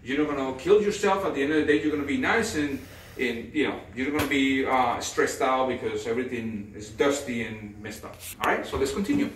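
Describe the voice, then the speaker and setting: A man's voice: mid-range voice, fairly quick, a little hiss or hum. Man explaining a remodel in an echoey empty room. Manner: explanatory, hesitant restarts, non-native phrasing. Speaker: home remodeling host. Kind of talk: casual walkthrough tutorial. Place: empty bedroom under demolition, indoors. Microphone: on-camera mic from a distance. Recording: roomy echo from far off.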